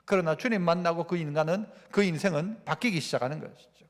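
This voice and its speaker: A man's voice: on the high side, quick pace. A male pastor preaching a Sunday sermon, throwing rhetorical questions at the congregation. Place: church sanctuary. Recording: long church-hall reverb.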